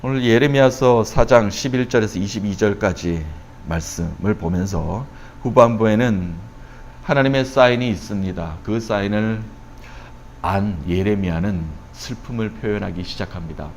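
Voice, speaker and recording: Lamenting Korean pastor preaching. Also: male voice, moderate pace, a little hiss or hum. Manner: rises to loud lamenting questions, then drops low and soft. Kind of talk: sermon.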